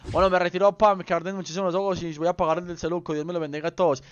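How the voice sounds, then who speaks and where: A man's voice: sits high, flat delivery, very fast, a little hiss or hum. A young man chatting casually with viewers on a game livestream, playful and rambling, full of slang. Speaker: streamer. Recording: slightly dull lo-fi stream audio.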